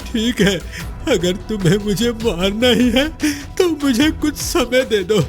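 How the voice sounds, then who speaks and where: Brief: man as an honest poor villager, emotional and begging, high-pitched. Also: slow, soft background music. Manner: pleading, emotional. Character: poor honest village father, desperate and pleading. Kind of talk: cartoon voice acting.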